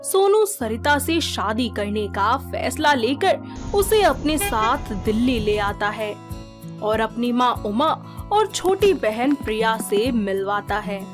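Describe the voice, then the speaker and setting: A woman narrating a moral story in a measured storytelling manner. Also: fairly high pitch, animated. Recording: music playing under the narration.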